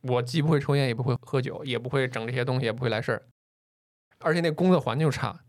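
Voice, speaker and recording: A man talks fast and loud, spilling a story from his early working life in a relaxed podcast chat. He laughs easily and swears offhandedly, and he keeps the pace quick. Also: medium pitch. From northern China. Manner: loud, animated, swears casually, laughs often. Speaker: podcast co-host.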